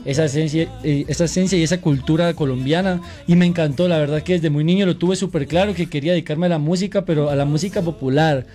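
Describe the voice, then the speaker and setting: Young male guest, 20s, from Spain, earnest and grateful, mellow tone, light music bed. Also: fairly high pitch, quick pace, hardly any pauses. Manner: earnest, grateful, restarts words often. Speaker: guest singer. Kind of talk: casual radio interview.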